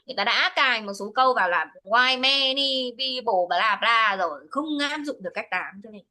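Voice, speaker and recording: A woman's voice: fairly high pitch, a little fast, pushed and bright, poor audio. A woman teaching speaking over a video call, switching between English and Vietnamese as she corrects a student firmly. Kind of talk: one-to-one speaking test feedback.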